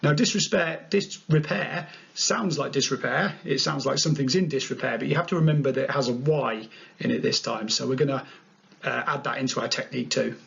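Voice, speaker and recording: A man's voice: mid-range voice, fairly quick, gravelly, fairly bright tone. A man presenting a study tutorial in a playful, upbeat way. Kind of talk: narrated revision tutorial. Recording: dull lo-fi sound.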